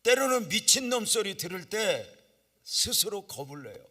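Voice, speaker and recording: Animated Korean pastor telling a story. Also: male voice, sits high, moderate pace. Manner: animated storytelling, acts out quoted voices, bursts into loud cries. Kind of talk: revival sermon storytelling. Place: church sanctuary.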